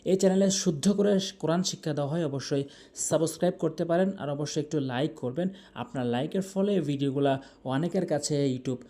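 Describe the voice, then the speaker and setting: Male recitation teacher with a warm, mellow voice, patient and repetitive as he corrects pronunciation. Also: a little high, brisk. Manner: patient, repeats corrections plainly. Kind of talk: pronunciation lesson.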